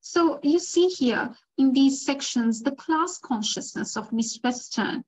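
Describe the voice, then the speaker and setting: A woman giving a literature lecture, reading passages aloud and checking in with her listeners in a measured way. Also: high voice, expressive, low-quality recording.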